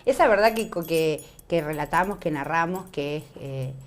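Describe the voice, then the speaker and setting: Woman, argentine accent, talk show host, low voice, reflective questioning. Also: lively intonation, moderate pace. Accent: Argentine Spanish. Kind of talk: radio talk show chat.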